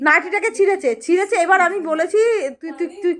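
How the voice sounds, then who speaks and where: Woman vlogger, very high-pitched, lively, teasingly scolding, casual to-camera chat. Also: fast talker. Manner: animated, playfully scolding and repeating herself. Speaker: vlogger showing her pet.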